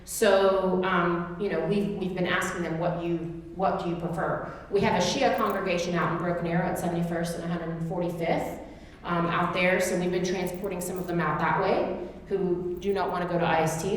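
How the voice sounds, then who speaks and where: Speaking a little fast in a lowish voice with fairly even intonation, this woman from Tulsa has an Oklahoma accent, though Turkish was her first language. She chats at length as a church class guest, answering questions informally. The recording has a little hiss or hum and the long reverb of an echoey hall.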